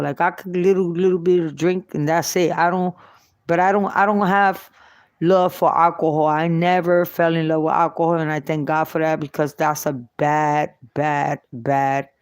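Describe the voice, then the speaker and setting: A woman's voice: lowish voice, no room sound. A middle-aged woman telling her own life story in an emotional, repetitive testimony driven by faith. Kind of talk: personal testimony monologue. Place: New York.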